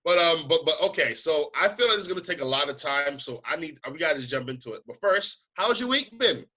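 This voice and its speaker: A young man, co-hosting a podcast in casual chat, animated and quick to laugh while telling stories. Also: a little high, dull audio. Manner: animated, laughs often, acts out voices in anecdotes. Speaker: podcast co-host.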